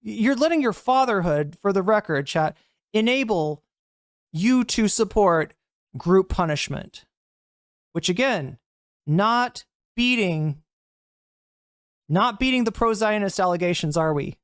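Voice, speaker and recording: A woman streaming to her chat, reacting to clips in a blunt, heated way and swearing freely. Her voice sits in an ordinary middle pitch. The sound is close and dry, with no room echo. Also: animated, unhurried. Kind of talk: casual livestream commentary.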